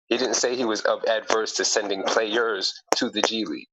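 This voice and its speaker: A man's voice: on the low side, steady tone, normal speed. A man in a casual sports discussion, making his case emphatically and argumentatively with rhetorical questions. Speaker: basketball podcast panelist. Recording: noisy lo-fi audio with clicks.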